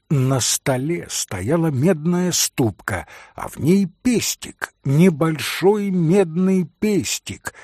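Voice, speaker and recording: A man narrating a classic novel as an audiobook in a dramatic, expressive storytelling manner. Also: on the high side, no room sound, clean studio sound.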